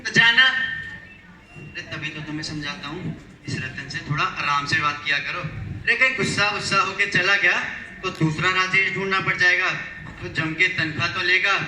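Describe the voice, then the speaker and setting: A man's voice: sits high, steady tone, normal speed, crowd noise, natural voice. A man playing a bossy, stingy middle-aged shopkeeper in a stage play, scolding and blustering. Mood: coaxing. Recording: echoey stage hall recording.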